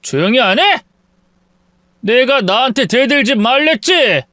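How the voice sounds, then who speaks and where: A man's voice: high voice, sing-song, unhurried, no room sound, clean studio sound, pitched above the performer's own voice, exaggerated voice. A man doing a drunken bullying husband. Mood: threatening. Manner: belligerent, shouting, slurring threats.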